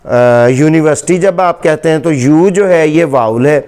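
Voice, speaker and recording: A man's voice: a little high, a little mellow, clean tone. A man with a Pakistani Urdu accent teaching English grammar in a lecture, patiently repeating examples and asking rhetorical questions.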